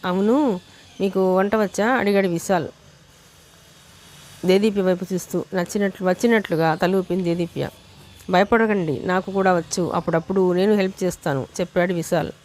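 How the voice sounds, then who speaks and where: A woman's voice: on the low side, moderate pace, a little mellow. A woman narrating a romance novel audiobook with a Telugu accent, reading steadily and voicing each character's dialogue herself.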